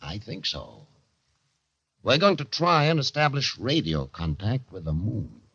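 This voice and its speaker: An actor playing a genial older professor, wry and understated, with a husky voice in a 1940s radio drama. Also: male voice, fairly low pitch, sing-song, measured pace, a bit bright, dry recording, full character voice. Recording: dry, dull vintage radio recording.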